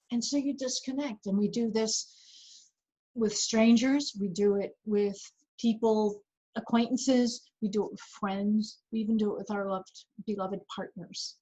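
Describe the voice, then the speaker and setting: Female therapist, workshop presenter; breathy, higher voice, conversational and laughing, muffled recording. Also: darkish tone. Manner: chatty and conversational, often laughing between points.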